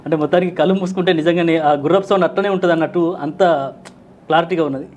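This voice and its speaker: A man who anchors a news channel, interviewing a guest in the studio with brisk, prompting questions. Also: on the high side, fairly even intonation, darkish tone, a little hiss or hum.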